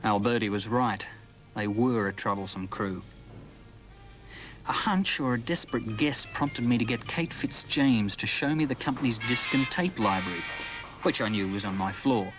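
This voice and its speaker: Low, dry detective narrator, reflective, music under. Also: male voice, normal speed. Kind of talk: hardboiled radio narration.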